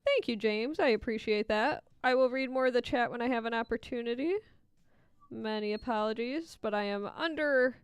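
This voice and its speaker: A woman's voice: a little high, normal speed, smooth, dry recording, studio quality. A woman hosting a casual livestream, chatting playfully to viewers and giving running commentary, with music behind her. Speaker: livestream host and Etch A Sketch artist.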